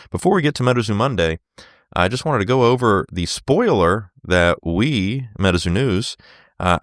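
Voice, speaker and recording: Sick with a sore throat and a fading voice, a man hosts his solo podcast, talking casually with many fillers and throat clears. His voice is low-pitched, and the studio sound is clean with no echo.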